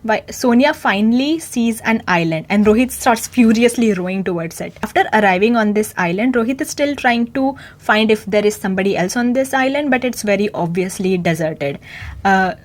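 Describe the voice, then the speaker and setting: A woman's voice: mid-range voice, moderate pace. A young woman casually retelling a film story, chatty with sarcastic asides.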